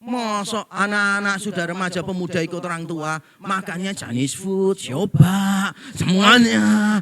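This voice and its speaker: A man's voice: sits high, a little slow, a bit bright. A middle-aged male pastor, preaching a humorous sermon and acting out the people he quotes. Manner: joking storyteller, acts out quoted people.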